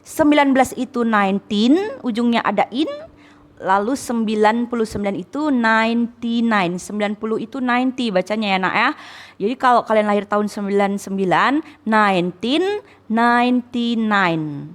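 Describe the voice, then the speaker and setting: A woman's voice: fairly high pitch, moderate pace. A woman English teacher with an Indonesian accent, giving a patient lesson, repeating words and teasing students about mistakes. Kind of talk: classroom lesson, correcting students.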